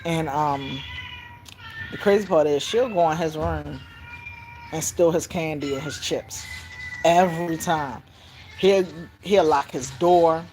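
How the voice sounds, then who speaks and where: An older woman, telling stories about raising her granddaughter in a casual, animated way, jumping into high squeals when she acts out voices. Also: slow, pauses often, slight background noise. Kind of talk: casual storytelling vlog.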